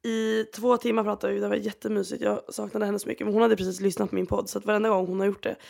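A woman's voice: mid-range voice, little pitch movement, gravelly, a little mellow. A woman hosting a podcast, telling stories in a chatty, rambling way with lots of fillers. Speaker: podcast host. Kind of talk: casual storytelling monologue.

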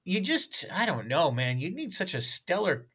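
Guy guesting on a podcast, animated and bouncy, keeps saying you know. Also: on the high side, moderate pace, husky. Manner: animated, says "you know what I mean" often. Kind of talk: casual film chat.

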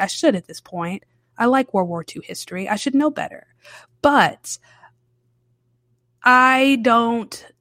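On her solo podcast from New Orleans, a woman casually and candidly reviews films, circling back to repeat points for emphasis. Her mid-range voice is a bit bright. The recording is studio quality, with no room sound.

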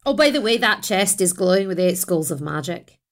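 A woman's voice: lowish voice, animated, fairly quick. A woman playing a tabletop role-playing game, chatting casually and jokingly.

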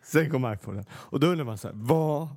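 A man's voice: mid-range voice, lively intonation, darkish tone, dry recording, studio quality. A man co-hosting a podcast in casual chat, telling anecdotes and often laughing. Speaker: podcast co-host.

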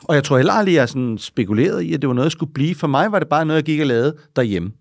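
A man's voice: fairly high pitch, expressive, creaky, dry recording, studio quality. A man talking casually as an interview guest, rambling and often checking in with little tag questions and restarts.

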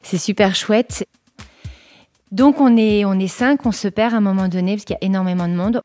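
Warm-voiced woman telling her story. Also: medium pitch, no room sound, soft background music. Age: 40s. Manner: chatty, halting, frequent fillers and restarts. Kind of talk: personal testimony storytelling.

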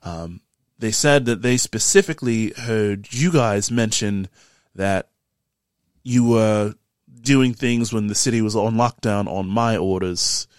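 A man doing a grave, hushed tavern keeper. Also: clean tone, no echo, clean studio sound. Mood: grave warning. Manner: low, hushed, serious and measured. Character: grave male tavern keeper warning the party.

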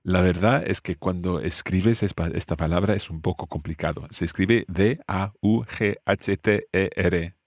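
A man's voice: deep voice, measured pace, few pauses, no echo, studio quality. A man teaching family words in English, explaining patiently and repeating each word for his student. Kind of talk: language lesson dialogue.

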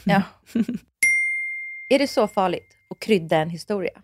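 A woman in her thirties hosting a casual podcast chat, a lively storyteller who acts out her friends' lines. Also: medium pitch. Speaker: podcast host.

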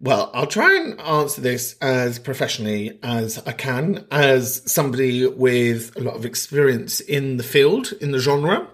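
A man's voice: mid-range voice, lively intonation, measured pace, hardly any pauses, a bit bright. A man from Donegal, hosting a podcast in a camp, sweary, mock-indignant, casual comic chat. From County Donegal, Ireland. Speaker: podcast host.

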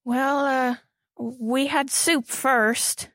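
A woman voices a prim, fluttery housewife in a vintage radio mystery, pitched high. She speaks slowly and properly, with a dry, close sound. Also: fairly even intonation, a bit bright, no room sound, exaggerated voice. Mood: shaken. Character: prim middle-aged housewife, nervous hostess. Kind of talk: 1940s radio drama acting.

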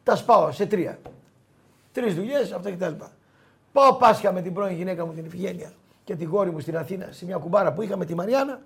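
A middle-aged man telling anecdotes in a casual chat, animated, quoting people and laughing often. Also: high voice, creaky. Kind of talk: casual storytelling.

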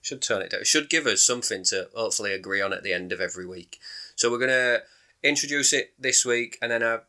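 A man co-hosting a casual sports podcast, chatty and quick to laugh. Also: mid-range voice, bright, forceful tone. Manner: chatty, laughs readily, trails off mid-sentence. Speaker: podcast co-host. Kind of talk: casual chat.

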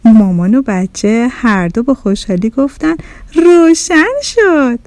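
A woman narrating a children's story in an expressive, animated storytelling manner, recorded close on a studio mic. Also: mid-range voice, no room sound.

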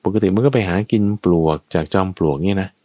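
A man's voice: low voice, quick pace, warm tone, no echo. A man teaching Buddhist ethics in a conversational way, going point by point with everyday examples. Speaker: dharma teacher.

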